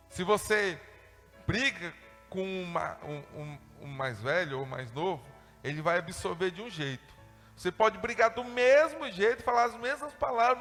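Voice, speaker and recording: A man preaches with a fairly high voice, animated and playful, slipping into little acted-out dialogues. His voice rings with a long hall reverb. Soft music sits faintly underneath. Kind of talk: sermon.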